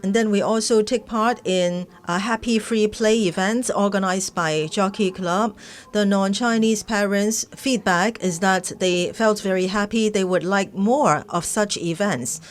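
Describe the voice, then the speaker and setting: A woman working as a live interpreter of webinar speeches, speaking haltingly, phrase by phrase. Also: medium pitch. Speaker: simultaneous interpreter.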